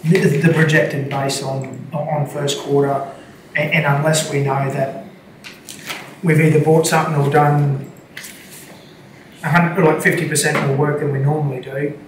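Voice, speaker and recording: Halting councillor with a flat delivery. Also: male voice, fairly high pitch. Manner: halting, many restarts. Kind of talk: formal meeting discussion. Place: council chamber. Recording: echoey chamber, distant mic, noisy.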